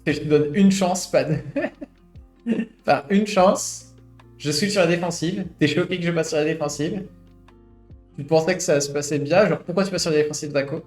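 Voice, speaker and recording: A man in his late twenties reads a study aloud on a stream and adds his own reflective commentary, packed with fillers. His slightly high voice has a darkish tone, moves at normal speed, and leaves long pauses. The room echoes, and faint guitar music plays.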